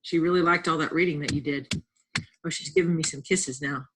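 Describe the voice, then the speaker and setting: A woman's voice: low voice, steady tone, fairly quick, background noise. A woman teacher giving a lesson from home, patiently sounding out words and encouraging her class.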